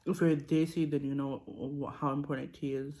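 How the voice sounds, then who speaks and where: Her deep, warm voice moves little in pitch and runs fairly quick as she chats in a casual mukbang. The young woman rambles with ums and restarts, talking between bites, chewing and sipping.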